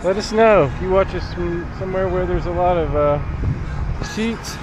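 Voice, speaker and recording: A man's voice: sits high, moderate pace, music in the background. A man from East Tennessee chatting casually to viewers as he films a road trip in an RV. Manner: easygoing, chatty, talks to viewers. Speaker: travel vlogger. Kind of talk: casual travel vlog narration. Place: RV and road stops, with music and vehicle noise behind.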